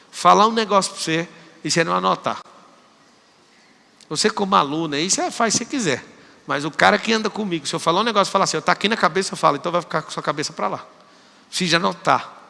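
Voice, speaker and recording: Brazilian man, motivational speaker, high voice, sharp bright tone, commanding, energetic, long hall echo. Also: creaky. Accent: Brazilian Portuguese. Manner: energetic, commanding, acts out dialogues with students. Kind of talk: live motivational talk. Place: large hall with audience.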